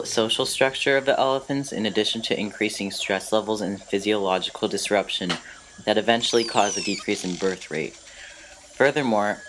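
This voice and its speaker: A man's voice: lowish voice, a bit bright, slight background noise. A man reads scripted documentary narration.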